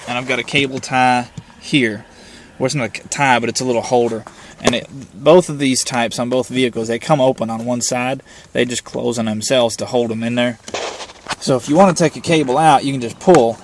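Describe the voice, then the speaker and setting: Slight background noise accompanies a medium-pitched man doing an informal, hands-on demonstration. His homespun, plain-spoken style fits an amateur how-to presenter working around parked vehicles.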